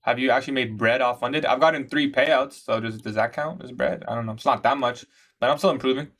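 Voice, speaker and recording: Young dude hosting a trading stream, chill, calls everyone bro, mid-pitched voice. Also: male voice, fairly even intonation, brisk, a bit bright. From Iraq. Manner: casual, slangy, calls viewers bro. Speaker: livestream host, day trader. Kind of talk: live trading commentary, reading chat.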